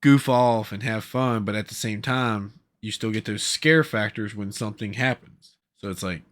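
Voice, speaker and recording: A man co-hosting a casual gaming podcast, excitable and telling stories with animated quotes. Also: lowish voice, moderate pace. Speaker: podcast co-host.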